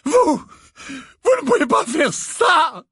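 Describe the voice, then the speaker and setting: A man's voice: very high voice, big pitch swings, slow pace, fairly bright tone, no room sound, raised voice, clean studio sound, voice pushed up, heavily acted. A man reading an audiobook, voicing a hysterical female seer teacher who is crying and shrieking. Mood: sobbing, shrieking. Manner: shrieking, sobbing, desperate. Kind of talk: audiobook character voice.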